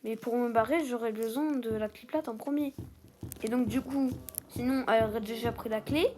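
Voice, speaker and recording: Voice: medium pitch, normal speed, noisy background. A young person giving casual, rambling gameplay commentary in an exasperated, self-conscious way. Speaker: gaming video creator, player. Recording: music behind the voice.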